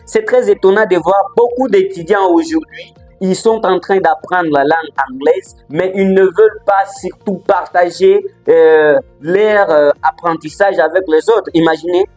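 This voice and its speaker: A man teaching an English lesson in a lively, emphatic way, repeating words for emphasis, with faint music behind. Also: high voice, normal speed. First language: not English. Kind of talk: motivational language lesson. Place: language training center in Likasi.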